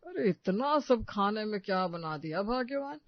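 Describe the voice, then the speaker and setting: A woman's voice: mid-range voice, animated, moderate pace, no room sound, close to an everyday voice. A woman voicing a cheerful older father-in-law in a cartoon story, jovial and affectionate, on dull, dry audio.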